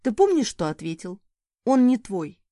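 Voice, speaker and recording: A woman's voice: a little high, animated, normal speed, warm tone, dry recording, clean studio sound. A woman reading an audiobook, voicing a young mother who answers sharply and defiantly in a raised voice. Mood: anguished, defiant.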